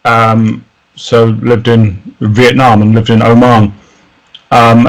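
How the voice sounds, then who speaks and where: A man's voice: medium pitch, low-quality recording. A man hosting an interview, rambling casually with many fillers before asking his question. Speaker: interviewer host.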